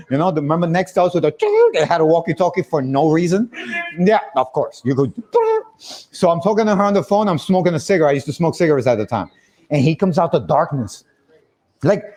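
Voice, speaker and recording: A young man with a high voice spins a casual story for his stream audience. He is animated, laughs often and acts out everyone's lines.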